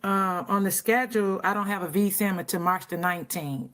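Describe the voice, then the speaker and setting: A woman's voice: mid-range voice, fairly even intonation, brisk, a crowd in the background. Woman, nursing student, polite, hesitant, video call. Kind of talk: question in an online class.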